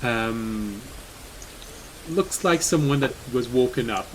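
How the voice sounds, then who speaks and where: Slow-talking man running a tabletop game. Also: medium pitch, lively intonation, low-quality recording. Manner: slow, chatty narration with frequent laughs and fillers. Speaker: game master. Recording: faint hiss in the background.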